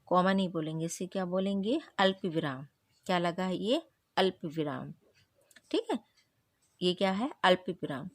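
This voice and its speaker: A woman's voice: fairly low pitch, lively intonation, moderate pace, long pauses, dry recording. Dry-voiced woman teaching grammar. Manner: asks questions and answers them herself. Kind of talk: grammar revision lesson.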